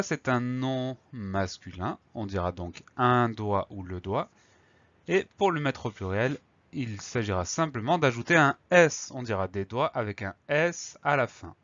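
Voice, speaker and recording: A man speaks as a teacher dictating a spelling lesson. His voice sits at an average pitch, and he explains step by step, stressing and repeating key words. The recording is dry, close and a little dull. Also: fairly bright tone, no room sound.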